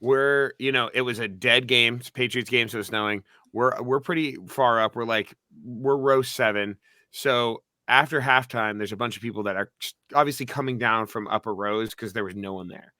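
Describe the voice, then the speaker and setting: A young man from New Hampshire, a podcast co-host, telling a story in casual chat, animated and swearing. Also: medium pitch, moderate pace, no room sound, clean studio sound. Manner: animated, swearing, acts out quotes loudly.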